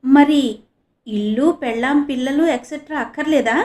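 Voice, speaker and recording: Playful teasing young woman for an audio novel, higher voice, as the narrator puts her on. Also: moderate pace, a little mellow, roomy sound, close to an everyday voice.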